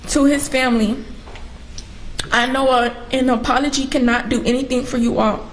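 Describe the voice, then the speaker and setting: A woman's voice: high voice, fairly even intonation, normal speed. A teenage or young adult woman giving a sobbing, tearful apology as a defendant's statement in court. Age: teens to young adult. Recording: noisy courtroom audio.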